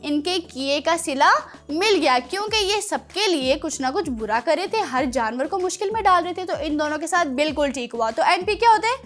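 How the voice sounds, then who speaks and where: Brisk, expressive, and a bit bright, this high-pitched woman rarely pauses as she tells stories on a children's show. She teaches as she goes and keeps asking the children questions.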